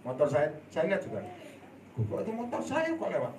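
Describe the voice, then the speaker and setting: Animated male preacher in an echoey hall. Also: a little high, brisk, far from the mic, a little hiss or hum. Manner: animated storytelling with laughs and sudden loud outbursts. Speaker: evangelist preacher. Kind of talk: sermon. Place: church hall.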